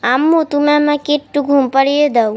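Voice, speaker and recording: A woman's voice: sits high, steady tone, brisk, darkish tone, natural voice. A woman voicing an earnest young boy in a children's cartoon, answering politely and sometimes frightened. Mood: scared.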